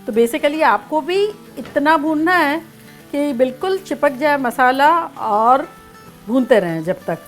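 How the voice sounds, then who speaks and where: A chatty, playful woman walks through a home recipe in a fairly high voice. Soft music and a sizzling pan sit behind her as she talks. She keeps an easy, homey tone throughout. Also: animated, slow pace. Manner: chatty, playful, sings snatches of songs. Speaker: cooking show host. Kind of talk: home cooking demonstration.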